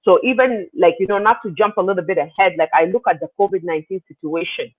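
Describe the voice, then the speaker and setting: Over a tinny phone line, a South Sudanese man now living in Canada answers interview questions casually, speaking quickly in a high voice. As a guest, he rambles loosely through his story with plenty of fillers.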